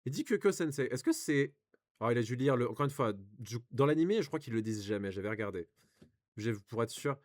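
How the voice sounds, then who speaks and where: A man's voice: mid-range voice, animated, fairly quick. A young man with a French accent, reading and commenting on reviews in casual, rambling chat full of fillers and restarts.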